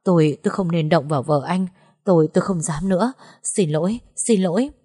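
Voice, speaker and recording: A woman voicing an arrogant, bullying young master who shouts threats and stammers when beaten. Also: fairly low pitch, brisk, breathy edge, dry recording, clean studio sound. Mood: cowering.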